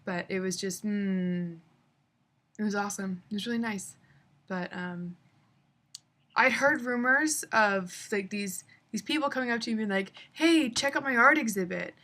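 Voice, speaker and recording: Young woman telling travel stories in a vlog; bright tone, easy filler-heavy chat. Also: medium pitch, fairly even intonation, normal speed, pauses often. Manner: chatty, lots of fillers. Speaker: vlogger. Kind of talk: casual travel vlog storytelling.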